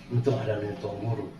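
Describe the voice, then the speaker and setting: A man casually recounting a true experience, halting and repeating phrases as he goes. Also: lowish voice. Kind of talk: casual spoken storytelling. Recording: roomy, distant mic, faint background noise.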